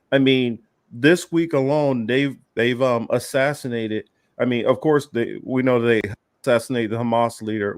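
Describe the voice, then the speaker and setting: A man's voice: mid-range voice, dry recording, clean studio sound. A man co-hosting a casual political talk, rambling and emphatic, with many fillers and restarts. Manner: heated, emphatic. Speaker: podcast co-host.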